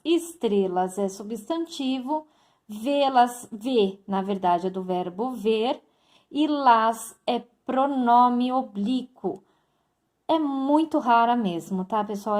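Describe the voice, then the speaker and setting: A woman teacher giving a recorded lesson, explaining step by step and addressing her students directly. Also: fairly high pitch. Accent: Brazilian Portuguese.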